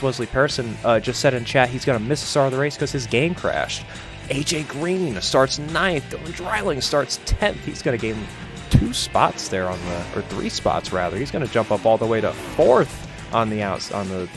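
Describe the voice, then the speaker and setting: Excitable man calling a sim race. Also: medium pitch, moderate pace, music in the background. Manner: excitable, swearing, stumbling over words. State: coughing a lot. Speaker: sim racing commentator. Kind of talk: live-streamed race commentary.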